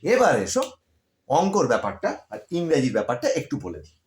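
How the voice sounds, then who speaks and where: A man's voice: fairly high pitch, wildly swooping pitch, fairly quick, reverberant. A man who tutors school students online, giving encouraging study advice and checking in with "ঠিক আছে?" as he repeats his points.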